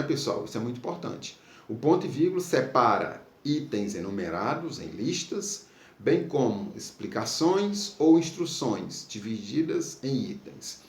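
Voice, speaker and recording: Male schoolteacher from Brazil, patient and animated, recorded in a roomy space with faint noise. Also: medium pitch. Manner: patient, checks in with pupils often. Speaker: teacher. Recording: echoey room, faint background noise.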